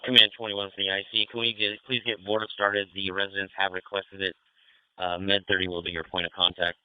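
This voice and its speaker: Fast, clear American man on fire radio. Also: low-pitched, level tone, no echo, phone-quality sound. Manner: procedural, directive, courteous. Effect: radio transmission. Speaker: fire incident commander. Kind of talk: clipped police-radio style fireground radio traffic. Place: fireground. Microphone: two-way radio.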